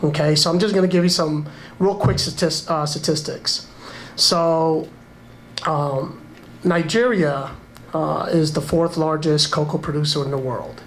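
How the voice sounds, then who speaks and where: A man, a sponsor giving a halting speech at a gala with many fillers. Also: a little high, fairly even intonation, slight background noise, low-quality recording. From Panama. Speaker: event sponsor, businessman.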